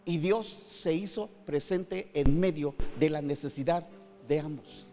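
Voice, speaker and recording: A middle-aged man preaching a sermon as pastor, emphatic, swinging between loud and hushed with many rhetorical questions. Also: fairly high pitch, unhurried. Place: church hall. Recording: long hall reverb with faint guitar.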